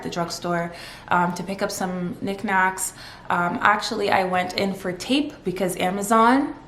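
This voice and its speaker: Woman vlogger, chatty and upbeat, rambling, echoey room, faint noise. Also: mid-range voice. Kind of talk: casual vlog chat. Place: home kitchen.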